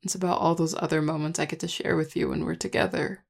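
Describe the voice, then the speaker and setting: A performer voicing a charming, affectionate vampire lover in an intimate audio role-play, teasing and tender in a relaxed, gravelly voice. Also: mid-range voice, fast talker. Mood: fond, teasing. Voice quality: gravelly, heavy vocal fry. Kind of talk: intimate audio role-play, one-sided dialogue to listener.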